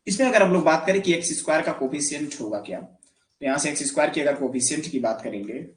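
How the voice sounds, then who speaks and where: A man's voice: on the high side, quick pace. Hindi-speaking man teaching math, echoey room. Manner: asks questions and answers them himself. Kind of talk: classroom lecture.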